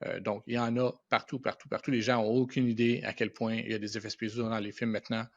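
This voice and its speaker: On dull, band-limited podcast audio, a middle-aged man from Quebec, Canada tells casual anecdotes as an interview guest. His voice sits lowish with little pitch variation and he talks fast, using colloquial Quebec French sprinkled with English. He's an animation and visual effects professional.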